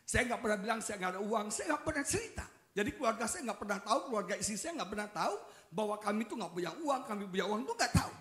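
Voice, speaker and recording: A pastor delivers an energetic revival sermon in a high voice that swings widely up and down. He jokes and keeps turning to the congregation. The sound rings through an echoey church hall. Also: fast talker. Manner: animated storytelling, joking, often addresses listeners as "saudara".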